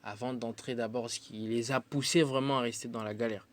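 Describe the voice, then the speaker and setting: This Congolese man, a musician appearing as a guest on a radio interview, speaks at a medium pitch with fairly level intonation and a fairly quick pace. He answers thoughtfully but hesitates a lot, filling pauses with frequent fillers.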